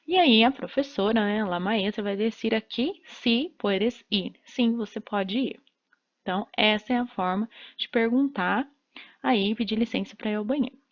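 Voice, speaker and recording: A woman's voice: on the high side, lo-fi sound. A woman teacher giving a recorded lesson, explaining step by step and often checking in with short tag questions. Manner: explains slowly, checks in with "né?" and "certo?".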